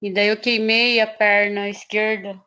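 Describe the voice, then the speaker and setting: A woman student recounting a workplace accident in an online class, rambling and animated with many restarts, heard over a video call. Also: mid-range voice, a little slow, dull audio. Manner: animated, rambling storyteller with frequent laughs and restarts. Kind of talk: telling a story in an online class.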